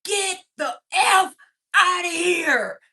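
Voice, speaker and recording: A woman voicing an angry adult male online gamer who shouts curses. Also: very high-pitched, expressive, vocal fry, pitched above the performer's own voice, heavily acted. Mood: furious. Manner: shouting, drawn-out cursing.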